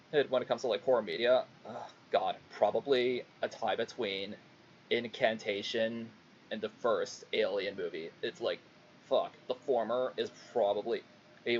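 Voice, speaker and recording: Young male VTuber, casual and halting solo stream chat, sweary, muffled lo-fi mic with light noise. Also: lowish voice. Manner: halting, rambling, frequent swearing. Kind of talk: casual livestream monologue. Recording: dull lo-fi mic, faint background noise.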